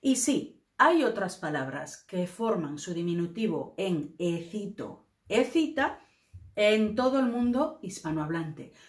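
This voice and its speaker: A woman from Spain with a Spain accent, teaching a Spanish grammar lesson in a clear, careful way. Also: mid-range voice, very animated, a little slow, reverberant.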